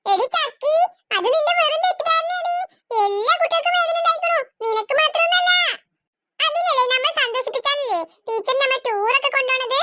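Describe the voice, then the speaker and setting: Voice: very high-pitched, a little fast, bright, forceful tone, no room sound, studio quality. A performer voicing Ikru, a cheeky, talkative schoolboy, in a cartoon. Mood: wheedling. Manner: cheeky, wheedling. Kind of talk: cartoon voice acting.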